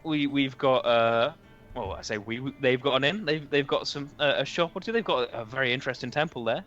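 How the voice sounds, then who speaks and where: A man's voice: mid-range voice, a little fast, fairly bright tone, lo-fi sound, soft background music, voice pushed up, lightly acted. A man voicing a friendly, gossipy male villager who drives a wagon, in a put-on Bristolian accent and calling people mate. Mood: chatty.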